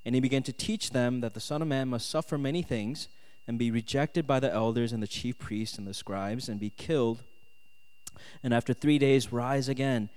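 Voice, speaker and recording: Preaching to a room of students, this man, born in South Korea and raised in the US from age ten, reads scripture and shares his own testimony. He speaks at normal speed in a smooth, mid-range voice with a darkish tone, sprinkling in "right?" and "okay?" as he goes. Long reverb fills the echoey hall.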